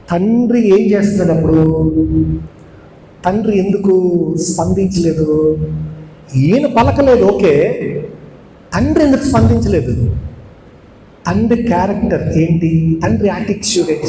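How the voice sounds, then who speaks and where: A man's voice: sits high, warm tone. A male preacher giving a sermon, emphatic, repeating key words and asking his congregation rhetorical questions. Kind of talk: Good Friday sermon. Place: church hall. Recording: echoey church hall, long reverb, faint noise.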